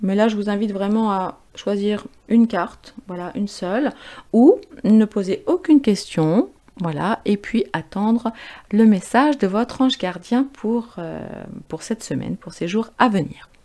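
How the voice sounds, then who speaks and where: Female tarot reader with a mellow, gravelly voice; casual, chatty delivery full of fillers. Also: mid-range voice, animated, a little slow. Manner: chatty and informal, with frequent fillers and self-corrections. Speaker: tarot and oracle card reader. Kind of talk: casual spiritual card reading.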